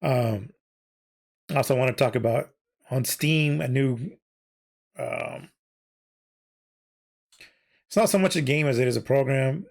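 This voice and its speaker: A man in the middle range of pitch talks loosely into a desk mic, wandering through his thoughts with fillers and restarts. His voice is wearing thin from talking so long. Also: a little slow, vocal fry, long pauses, a little mellow. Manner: rambling, many fillers and self-corrections. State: losing his voice. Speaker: podcast host and VTuber. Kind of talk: casual solo podcast chat.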